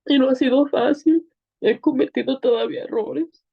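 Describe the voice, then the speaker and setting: A woman with a Mexican Spanish accent gives an earnest, emotional personal testimony as an interview guest, at times tearful and using many fillers. Her voice sits high, with a creaky, breathy edge and a moderate pace, and the recording is muffled.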